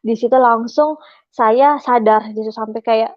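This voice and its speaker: Young woman, shy interview guest, fairly high voice, halting personal testimony, dry and slightly dull sound. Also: fairly even intonation, dry recording. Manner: halting, recounting at length with frequent hesitations.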